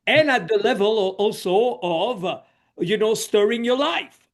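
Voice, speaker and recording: A middle-aged man from Switzerland, guesting on a podcast as a social coach, tells his story reflectively and frequently says "you know." His high voice carries lively intonation at a slightly slow pace.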